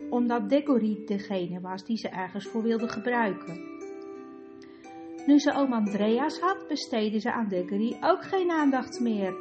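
A woman reading a children's story aloud as narrator, in a calm, even storytelling manner. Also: fairly high pitch. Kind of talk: audiobook reading. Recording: dull lo-fi with guitar music.

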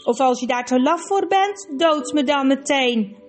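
An arrogant young prince, as a woman reading a storybook puts him on, bellowing in a high, strained voice and dragging his words out slowly. Soft music plays underneath the reading. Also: expressive. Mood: furious.

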